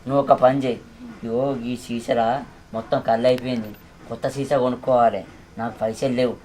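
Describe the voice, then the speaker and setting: An actor with a Telangana accent playing a boastful, slurring drunken village husband. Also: male voice, medium pitch, fairly even intonation, fast, a little mellow, slight background noise, natural voice. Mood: wheedling. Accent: Telangana Telugu. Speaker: actor in a village comedy drama.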